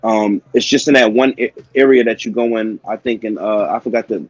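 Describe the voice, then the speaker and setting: A man's voice: on the low side, fairly even intonation, fairly quick, no echo. Rambling man on a muffled mic. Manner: rambling, repeats words. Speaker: player giving feedback. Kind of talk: casual stream chat.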